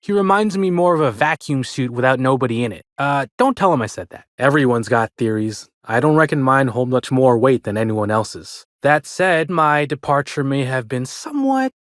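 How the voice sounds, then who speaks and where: A man's voice: medium pitch, expressive, moderate pace, few pauses, no echo, studio quality, close to an everyday voice. A man voicing a chirpy, chatty old-fashioned hotel bellhop in a video game, with a folksy American way of talking. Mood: wistful, folksy. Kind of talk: video game character dialogue.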